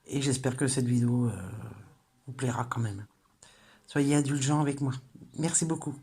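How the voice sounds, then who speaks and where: A woman's voice: a bass voice, normal speed, warm tone. An older woman from northern France giving a casual cooking tutorial in her home kitchen. She talks straight to the viewer in a homely, chatty way, hesitating often with fillers. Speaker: home cook. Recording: echoey kitchen with clattering dishes. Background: clinking cutlery, pots and dishes.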